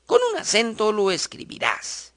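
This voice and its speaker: A woman narrating a scripted spelling lesson, slowly sounding out stressed syllables in her example words. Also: mid-range voice, huge pitch swings, fairly bright tone. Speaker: teacher.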